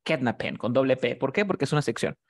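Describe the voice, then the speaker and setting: A man's voice: mid-range voice, lively intonation, quick pace. A man teaching a class, explaining rules patiently and often checking that his student has understood. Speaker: English teacher.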